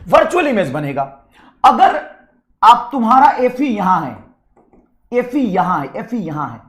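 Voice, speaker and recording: A man teaching physics who keeps breaking off to scold his students, sarcastic and blunt, with sudden loud outbursts. His voice sits high and swings wildly up and down as he lectures. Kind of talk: scolding a class while teaching.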